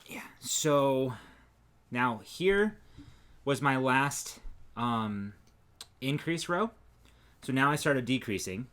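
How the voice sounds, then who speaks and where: Relaxed male crochet podcast co-host. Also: medium pitch, slow, long pauses. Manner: relaxed, trails off and restarts while showing work. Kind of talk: casual chat about crochet.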